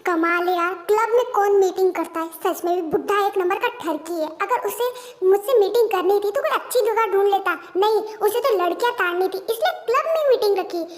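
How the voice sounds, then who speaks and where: A woman's voice: extremely high pitch, fairly quick. A woman voicing a sweet, funny, curious young female best friend in an audio story, coaxing and asking questions. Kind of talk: Hindi fan-dub audio story.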